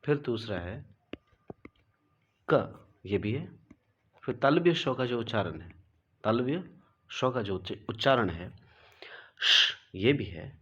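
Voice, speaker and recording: A man's voice: medium pitch, lively intonation, slow, long pauses, a bit bright, husky, highs cut off. A man teaching pronunciation in a classroom-style lesson, spelling out words letter by letter, repeating them and checking with "right?". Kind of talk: classroom lesson, explaining rules slowly.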